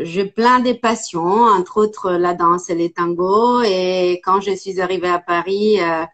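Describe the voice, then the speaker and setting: A woman in her forties from Italy with an Italian accent, speaking as an interview guest, hesitant with many pauses and fillers. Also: on the low side, a bit bright, lo-fi sound. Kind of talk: casual interview.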